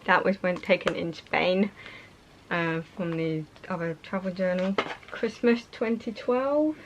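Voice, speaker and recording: A woman's voice: on the low side, a little slow. A young British woman chatting casually and a little hesitantly as she shows things to viewers in a vlog. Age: young adult. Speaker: vlogger. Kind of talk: casual show-and-tell chat. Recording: muffled sound with faint noise.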